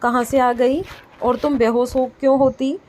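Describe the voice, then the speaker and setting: A woman's voice: high voice, steady tone, normal speed, slight background noise, close to an everyday voice. A caring young husband, read by a woman. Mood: tender. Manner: gentle, lightly scolding. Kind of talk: storybook dialogue reading.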